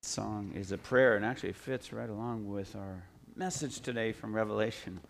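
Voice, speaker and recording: A man's voice: fairly low pitch, moderate pace, vocal fry. A middle-aged man from the United States, a pastor giving a sermon in a conversational way, with asides and frequent "uh" fillers.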